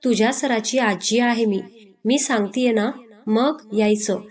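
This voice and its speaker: A bossy, scolding old grandmother voiced by a woman reading a storybook speaks in slow, drawn-out commands. She sounds fond but firm, and she is always giving orders. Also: fairly high pitch, close to an everyday voice. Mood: insistent.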